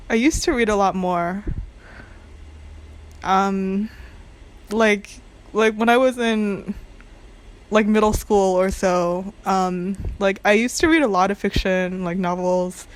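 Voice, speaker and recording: A woman's voice: mid-range voice, poor audio. A young adult woman vlogging in a casual, rambling monologue, hesitant and meandering, leaning heavily on filler words. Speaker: amateur video blogger.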